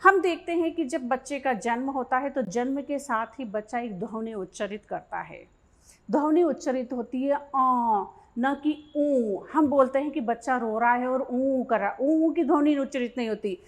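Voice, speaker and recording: A woman's voice: high voice, moderate pace, few pauses. A woman teaching a Hindi grammar lesson for exam preparation, reading out each question and explaining the answer step by step.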